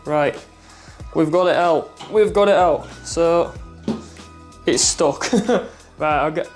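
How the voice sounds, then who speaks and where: A man, hosting a casual aquarium vlog at home, chatty and quick to laugh at himself. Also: fairly high pitch. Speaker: aquarium hobby vlogger. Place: indoors at home by his fish tanks. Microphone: clip-on mic, then phone mic.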